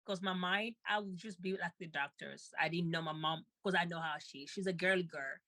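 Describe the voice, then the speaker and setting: A woman's voice: on the low side, brisk, pushed and bright, dry recording. A woman co-host telling a personal story with feeling, often repeating herself and laughing lightly.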